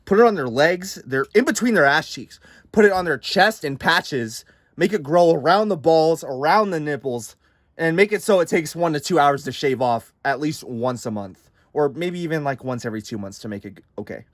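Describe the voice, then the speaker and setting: A man's voice: a little high, expressive, normal speed, no room sound, studio quality. A man delivering a profane, exasperated comedic rant, talking in a rambling way. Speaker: comedic vlogger.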